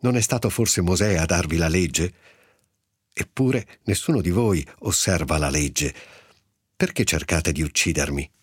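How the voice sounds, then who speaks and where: Jesus as a calm, commanding teacher, voiced by a man reading aloud. The voice sits low and a little husky, delivered in a measured, solemn cadence. Dry sound with no room around it. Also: dry recording.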